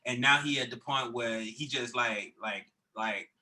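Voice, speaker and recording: A man with a very bright, forceful, sharp voice talks loosely about his music as a podcast guest. He rambles, circles back and restarts his thoughts often, full of "um" and "you know". His pitch sits right in the middle for a man. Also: a little slow, poor audio. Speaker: recording artist guest. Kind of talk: casual podcast interview.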